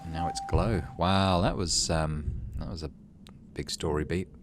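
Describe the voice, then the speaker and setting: A man with a low voice, speaking a little slowly, dramatically narrates a visual novel as a gaming channel host and tosses in casual let's play commentary between readings. Game music plays behind him, along with some background noise.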